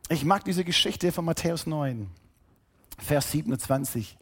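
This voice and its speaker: A man preaching a sermon, emphatic, rising to loud calls and then dropping low and quiet. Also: animated, normal speed, breathy edge. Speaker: pastor.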